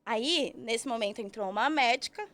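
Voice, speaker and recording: Woman, thirties, chatty podcast guest, fairly high voice. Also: normal speed, a bit bright. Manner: chatty, tag questions, laughs through the story. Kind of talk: casual storytelling.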